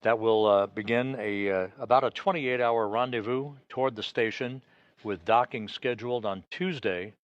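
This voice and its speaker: A man giving live broadcast commentary as a mission control announcer, in a measured, official manner with hesitant pauses. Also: mid-range voice. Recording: dull, band-limited broadcast audio.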